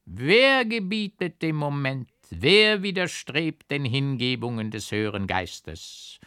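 A man's voice: a little high, animated, normal speed, a bit bright, no echo, studio quality, voice pushed up. A man voicing a small comical male wigmaker who speaks in grandiloquent, flowery phrases with French touches. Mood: pompous.

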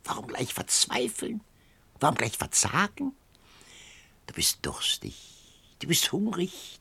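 A man voicing a cackling ancient beggar woman with a hoarse, lisping, whispery voice in an audiobook. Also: medium pitch, a bit bright, exaggerated voice. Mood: coaxing. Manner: drawn-out coaxing, cackles. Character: cackling ancient female beggar, wheedling, uncanny. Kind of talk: audiobook character voice.

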